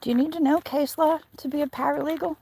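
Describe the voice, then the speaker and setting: A woman livestreams a walk-along through her neighborhood, chatting playfully in a wry, salty, rambling way. Her voice is high, fast, fairly even in intonation, dark in tone and touched with vocal fry, captured on a noisy handheld outdoor recording.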